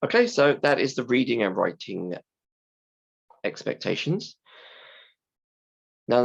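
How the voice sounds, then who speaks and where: A man teaching a class in simple, deliberate, emphatic phrases, his voice hoarse, croaky and creaky from a sore throat. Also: on the low side, highs cut off. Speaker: university English teacher. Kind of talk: scripted-slide lesson explanation.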